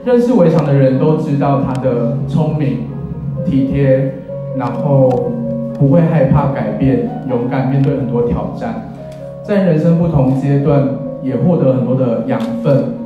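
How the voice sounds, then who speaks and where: In a church, a man in his thirties with a Taiwanese accent addresses the guests as wedding officiant, his speech laced with wry, self-deprecating humour. His voice sits in the mid-range, and the recording is muffled. The hall is very echoey, with music playing behind him.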